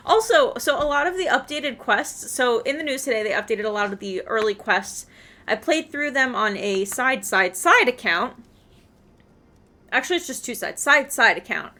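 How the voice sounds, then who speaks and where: Bright, higher-pitched woman streaming a game. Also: lively intonation, normal speed. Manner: rambling, thinking aloud. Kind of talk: casual chatty game livestream commentary.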